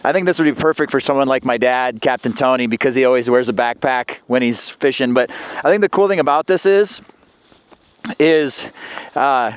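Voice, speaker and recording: A man's voice: medium pitch, normal speed, smooth, dry recording. A man narrating a casual fishing vlog, talking outdoors in the wind. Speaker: fishing vlogger. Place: outdoors on a frozen mountain lake.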